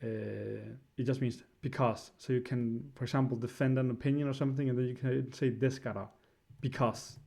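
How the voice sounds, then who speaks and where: A man giving a casual spoken lesson, hesitant and filling pauses with "uh" and "right?". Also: medium pitch, fairly even intonation, gravelly, warm tone. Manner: hesitant, many fillers, frequent "right?". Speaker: language teacher.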